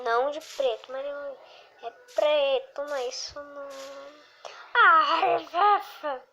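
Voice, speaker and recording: A woman with a Brazilian accent giving casual commentary on her gameplay as the host of a gaming video. She swings from quiet muttering to squealing outbursts. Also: fairly high pitch, low-quality recording. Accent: Brazilian Portuguese.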